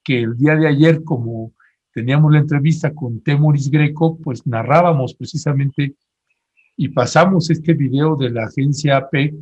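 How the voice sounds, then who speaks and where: A man hosting a live interview broadcast, talking in a relaxed, conversational way with small restarts. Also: on the high side, moderate pace, slightly rough, highs cut off. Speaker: host.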